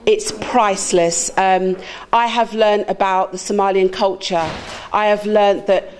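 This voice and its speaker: A woman's voice: mid-range voice, steady tone, unhurried, a little hiss or hum. A woman who works as a school learning mentor, giving an effusive, grateful speech at a community meeting.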